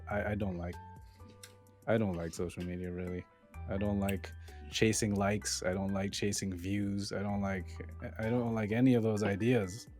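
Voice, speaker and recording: An easygoing man hosts a casual chat podcast, his voice sitting a bit low. He talks over an online call and breaks into laughter often. Faint music runs behind him. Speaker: podcast host.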